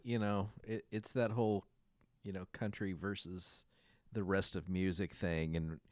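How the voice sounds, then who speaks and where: A man's voice: sits low, steady tone, unhurried, dry recording, clean studio sound. A man co-hosting a podcast, talking in a rambling, hesitant way about music. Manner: rambling, hesitant, lots of fillers and restarts. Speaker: podcast co-host. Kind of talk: casual chat.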